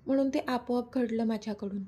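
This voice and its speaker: A teasing, lovestruck young man, as a woman narrator puts him on, coaxing and pleading in a storybook reading. The voice is mellow and a little breathy and sits fairly high. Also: fairly even intonation, a little fast. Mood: coaxing, playful.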